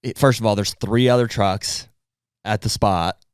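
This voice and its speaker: Low-voiced guy rambling through a hunting story, smooth clear voice, dry sound. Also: steady tone, normal speed, no echo. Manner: rambling anecdote with acted-out quotes. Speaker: hunting guide, podcast guest. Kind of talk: casual storytelling.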